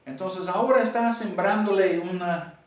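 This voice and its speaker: A male pastor with a Mexican accent preaches with lively, animated delivery and a slightly high voice. He acts out back-and-forth exchanges as he talks. His voice comes from a distance in an echoey church hall. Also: normal speed. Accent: Mexican Spanish. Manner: animated, acts out dialogues with rising pitch. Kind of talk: sermon. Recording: echoey room, voice from far off.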